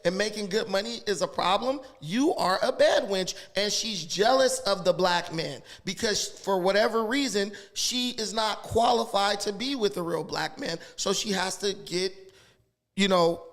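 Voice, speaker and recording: A high-pitched man talks as a podcast guest. He is blunt and crude. He hammers his points home insistently. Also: moderate pace, a bit bright. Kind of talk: heated casual talk.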